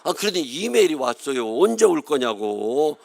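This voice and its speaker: A man's voice: on the high side, very animated, moderate pace, vocal fry, a little mellow. A middle-aged man from Chungcheong province, speaking with a Chungcheong Korean accent, preaching a revival sermon as a pastor in folksy, joking storytelling. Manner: folksy, joking, mutters and mimics others. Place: church sanctuary.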